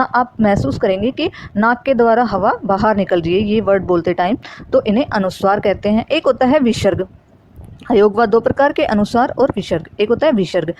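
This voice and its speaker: A woman's voice: fairly high pitch, darkish tone, dull audio, slight background noise. A woman teaching a Hindi grammar lesson for exam preparation, explaining step by step and repeating key terms.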